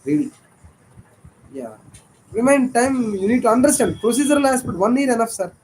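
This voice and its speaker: High-pitched man with a Telugu accent. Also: sing-song, moderate pace, darkish tone, a little hiss or hum, low-quality recording. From South India. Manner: emphatic, repeats words for stress. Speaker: tax litigation advocate. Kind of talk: informal professional discussion.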